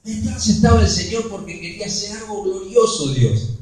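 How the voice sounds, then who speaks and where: A man preaching a sermon, animated and full of rhetorical questions. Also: high-pitched, normal speed. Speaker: pastor. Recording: echoey hall, far from the mic.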